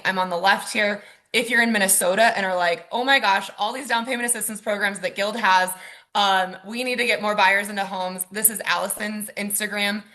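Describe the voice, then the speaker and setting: A woman presenting a webinar over slides, talking casually and sprinkling in ums and likes. Her voice is bright and forward, and her pitch sits in a middle range. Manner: casual, chatty delivery with frequent ums and likes. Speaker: mortgage lender and house hacker presenting a webinar.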